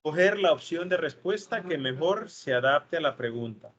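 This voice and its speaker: A man's voice: fairly high pitch, expressive, moderate pace, a bit bright, lo-fi sound. A man giving a tutoring lesson, explaining step by step and checking in with his students. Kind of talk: online tutoring lecture.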